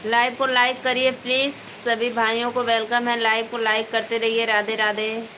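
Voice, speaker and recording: A woman from eastern Uttar Pradesh with an Awadhi-tinged Hindi accent, hosting a casual live stream, chatting with viewers by name and speaking loudly over rain. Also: on the high side, flat delivery, normal speed, low-quality recording. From eastern Uttar Pradesh, India. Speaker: live stream host and folk singer. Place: indoors at home during heavy rain. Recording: faint background noise of rain.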